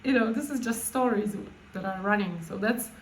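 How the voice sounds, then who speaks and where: Woman guiding meditation in an echoey room. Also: mid-range voice. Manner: halting, spontaneous, with repeated words and rephrasing. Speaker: guided meditation coach. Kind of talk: informal guided meditation talk. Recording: echoey room with faint background noise.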